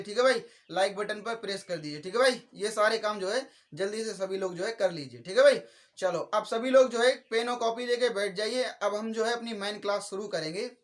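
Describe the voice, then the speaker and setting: A male maths teacher giving a classroom-style lecture, slow and repetitive, adding "okay brother" after nearly every sentence. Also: high voice. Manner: slow and repetitive, spells out each step.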